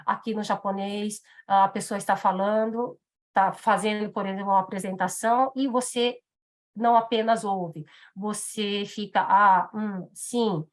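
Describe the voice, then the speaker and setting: Chatty woman giving a seminar. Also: medium pitch. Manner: chatty, many fillers and tag questions. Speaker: seminar speaker on Japanese business etiquette. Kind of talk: live online seminar talk. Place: in Japan.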